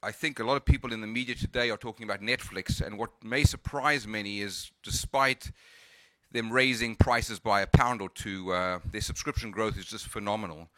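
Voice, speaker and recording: A man from South Africa gives a conference presentation, his accent a blend of Cape Town and California. His voice sits fairly low and a bit bright, at a moderate pace, and he hesitates often, filling gaps and restarting sentences. The recording has no echo.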